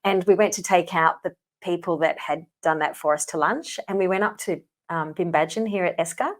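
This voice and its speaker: A woman co-hosting a podcast in casual chat, a lively storyteller who laughs often. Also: on the low side, brisk. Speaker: podcast co-host.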